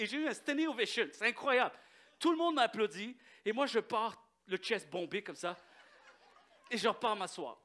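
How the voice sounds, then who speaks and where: A high-pitched young pastor tells a sermon story. His voice is bright and forceful, and his delivery is lively and anecdotal, with quick restarts.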